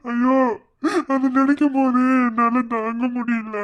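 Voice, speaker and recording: A performer voicing a grieving, anxious young man in an animated drama. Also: medium pitch, measured pace, highs cut off, close to an everyday voice. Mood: worried grief. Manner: anxious, lamenting.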